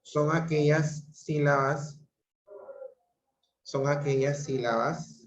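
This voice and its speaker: A man teaching an online grammar class, slowly explaining, often repeating himself and checking in with the students. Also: on the high side, fairly even intonation, a little hiss or hum. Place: home room on a video call. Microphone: computer mic on a video call. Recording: roomy, dull lo-fi video call audio.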